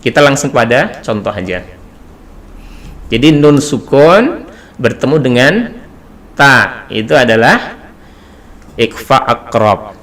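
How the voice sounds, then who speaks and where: A man leads a Quran recitation lesson at an unhurried pace, his voice sitting in a middle register. He explains patiently and breaks into short chanted demonstrations of each sound. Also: mid-range voice, very animated, a bit bright. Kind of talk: tajwid lesson.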